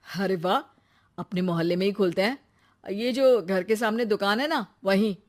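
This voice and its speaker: A woman voicing a young married man in a cartoon, a son and husband with a quick temper. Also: medium pitch, lightly acted. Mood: plain.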